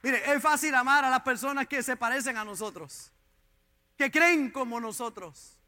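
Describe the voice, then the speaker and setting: A man's voice: extremely high pitch, normal speed, pushed and bright. A man preaching as a pastor in a church, speaking straight to his congregation with passion. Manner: impassioned preaching, addressing the congregation directly. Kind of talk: sermon.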